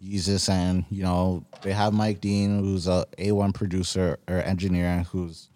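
Laid-back low-voiced man in casual chat. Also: flat delivery, measured pace, mellow. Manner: laid-back, many fillers and restarts. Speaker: podcast co-host.

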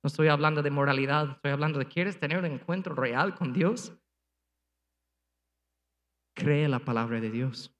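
A pastor preaches a sermon to a congregation in a church sanctuary, also streamed online, speaking emphatically with rhetorical questions and punchy sound effects. His voice is a little high and fairly bright, at normal speed with frequent pauses and a long reverb tail.

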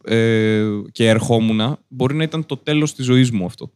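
A man co-hosting a podcast, speaking in a calm, deadpan way. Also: mid-range voice, clean tone. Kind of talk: casual chat. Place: outdoors in city streets.

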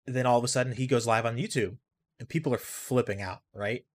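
A man's voice: mid-range voice, fairly quick. Rambling man hosting a casual podcast. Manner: rambling, offhand, swears now and then; reacts aloud to a video game while talking. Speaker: podcast host. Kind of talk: casual solo podcast chat.

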